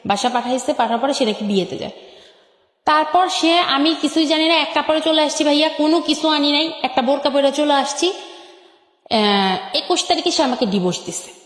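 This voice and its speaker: Her voice electronically altered by a voice changer, a young Bangladeshi woman with a Bengali accent recounts her life on a radio program, stressing and repeating phrases. She speaks high and fairly quickly, in an echoey space with long reverb.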